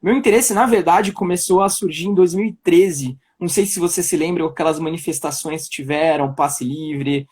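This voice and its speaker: A man's voice: a little high, moderate pace, few pauses, darkish tone, breathy edge. A young man with a São Paulo accent, a guest chatting casually in a live-stream interview over a video call, laughing often and trailing off into restarts. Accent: Paulistano Brazilian Portuguese. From Brazil, São Paulo. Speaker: guest, political pre-candidate.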